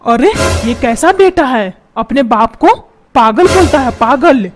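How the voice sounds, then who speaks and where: एक महिला कार्टून में चिड़चिड़े, चिल्लाने वाले अधेड़ पिता की आवाज़ दे रही है, जो डांटता है और ताने मारता है।. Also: female voice, high-pitched, expressive, measured pace, music in the background. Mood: scolding. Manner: shouts and scolds, calls names. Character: grumpy shouting cartoon father, middle-aged man. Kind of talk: comedy cartoon dubbing.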